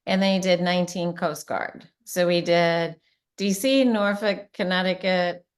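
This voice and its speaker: A middle-aged woman hosts a relaxed conversation in an upbeat voice. She laughs easily and slips into playful quoted asides as she tells stories. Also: lowish voice, a little slow. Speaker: host, real estate agent. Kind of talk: casual chat.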